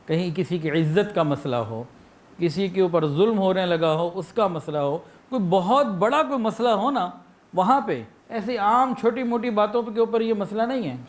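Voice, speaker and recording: A man's voice: sits high, animated. A man with a Pakistani Urdu accent delivering a sermon, illustrating his points with anecdotes and acted-out phrases. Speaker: preacher.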